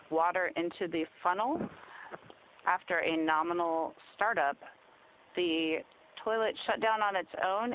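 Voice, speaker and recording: A woman's voice: fairly low pitch, a little hiss or hum. Woman reporting over a space radio link. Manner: measured, matter-of-fact. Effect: space-to-ground radio communicator. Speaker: crew member reporting to ground. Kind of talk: calm procedural radio report. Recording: dull, muffled radio line.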